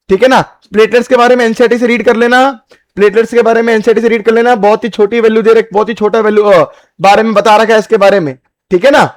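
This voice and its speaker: A man's voice: sits high, no echo. A man lecturing on biology. He repeats each key point and keeps asking the students whether they got it. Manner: repeats key points, asks rhetorical check questions, calls students "beta". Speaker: biology teacher. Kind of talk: classroom lecture, drawing on a board.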